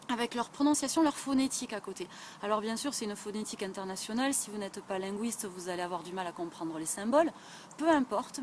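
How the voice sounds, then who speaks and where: A woman's voice: on the high side, slight background noise. A woman from southwest France with a southwestern French accent, explaining English listening skills in a chatty video lesson full of fillers. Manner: chatty, many fillers like "euh" and "ben". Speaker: English teacher.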